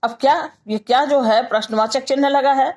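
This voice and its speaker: This high-sitting, slightly mellow female voice carries a Hindi accent. She gives a patient grammar lecture, saying each example sentence slowly and then walking through what it means.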